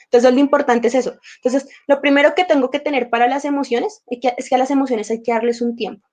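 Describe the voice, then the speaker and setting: A woman's voice: high-pitched, steady tone, quick pace, a little mellow. A woman leading an emotional intelligence workshop, talking conversationally and acting out inner dialogues with her emotions, her throat a little sore. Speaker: workshop teacher.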